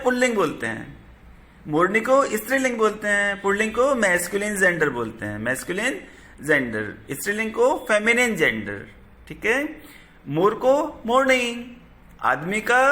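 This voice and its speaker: Indian male teacher, higher voice, unhurried, repeats each phrase for young pupils. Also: bright, forceful tone. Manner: repeats phrases slowly, asks and answers his own questions. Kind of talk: textbook lesson explaining to children.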